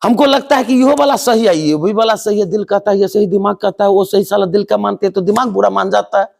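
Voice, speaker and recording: A man teaching English spelling and pronunciation to board exam students, animated and joking as he playfully scolds the class. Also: high-pitched, fast talker, gravelly.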